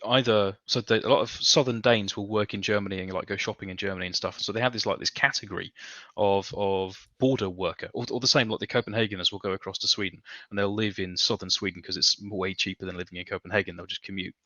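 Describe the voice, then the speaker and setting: A British man in his thirties chatting casually as a podcast guest, animated and self-deprecating. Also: lowish voice, fast, dry recording, lo-fi sound. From Coventry, England. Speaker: podcast guest, academic researcher. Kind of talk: casual, chatty interview answers. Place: home room, video call.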